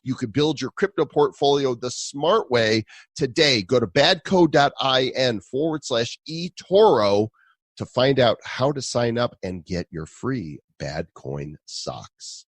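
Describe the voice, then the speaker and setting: This man's mid-range voice is animated and unhurried, captured with no room sound. He's a Chicago-accented podcast co-host from Illinois, hamming it up playfully through casual chat and ad reads while swapping his air and ear sounds.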